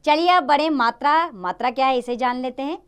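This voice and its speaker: A woman teaching a Hindi grammar lesson to young children in a lively, sing-song way. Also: high-pitched, brisk, clean tone.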